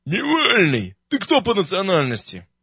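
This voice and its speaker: A man voicing a loud, blustering old Soviet marshal who fires off abrupt questions. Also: wildly swooping pitch, normal speed, creaky, husky, dry recording, clean studio sound, heavily acted. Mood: brusque. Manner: booming, commanding, abrupt questions.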